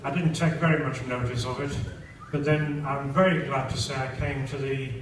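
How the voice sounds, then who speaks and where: A retired older man from Britain giving a measured testimonial speech at an event, with dry, wry asides. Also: mid-range voice, fairly even intonation. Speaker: event speaker. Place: large event hall. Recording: echoey hall, distant mic, noisy.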